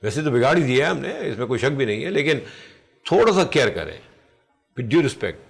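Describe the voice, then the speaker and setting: A man's voice: mid-range voice, very animated, creaky. A man with a Pakistani accent hosting a TV health talk show, chatting casually and earnestly advising viewers, mixing in English phrases. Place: TV studio.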